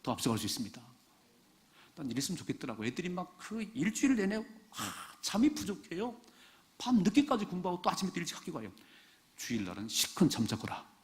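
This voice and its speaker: A man's voice: high-pitched, sing-song, quick pace. A man preaching a sermon as pastor, speaking straight to the congregation with frequent rhetorical questions.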